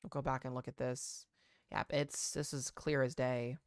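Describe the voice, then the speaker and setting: A man with a clean, clear voice at a middling pitch commentates live on severe weather as a stream host. His delivery is informal, moving between muttered asides and emphatic calls. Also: little pitch movement, normal speed. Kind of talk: live storm coverage commentary.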